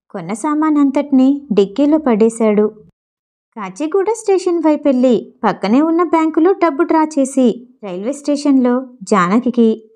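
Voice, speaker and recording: A woman narrating a dramatic story in a steady, emotive storytelling manner. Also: high-pitched. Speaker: audiobook narrator.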